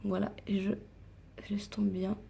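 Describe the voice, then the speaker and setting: A woman chats slowly through her makeup routine, filming herself on a phone at home. Her voice is mellow and unhurried, full of small hesitations. Now and then she drops into a near whisper. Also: mid-range voice, completely flat delivery, creaky. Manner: hesitant, many fillers, slips into soft whispers. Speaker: makeup vlogger. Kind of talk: casual makeup tutorial chat. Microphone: phone camera.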